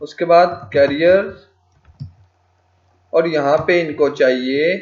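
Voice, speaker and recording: A man's voice: fairly high pitch, slow, darkish tone. A man teaching freelancing in a screen-recorded tutorial, dictating English phrases word by word as he types, with frequent fillers like "ok ji". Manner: frequent fillers "ok ji" and "theek hai". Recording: echoey lo-fi home recording.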